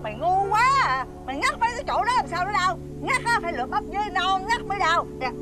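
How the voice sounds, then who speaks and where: A woman's voice: extremely high pitch, sing-song, fast. An actress with a Southern Vietnamese accent playing a cruel, greedy village stepmother in a folk-tale TV drama, screeching scolding and threats. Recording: loud background music score.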